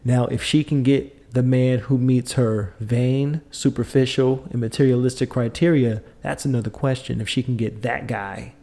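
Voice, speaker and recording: Middle-aged male podcast host; mid-pitched, warm dark timbre; emphatic, repetitive, lecturing delivery. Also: steady tone, moderate pace, creaky, hardly any pauses. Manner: emphatic, lecturing, repeats points. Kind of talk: opinionated monologue.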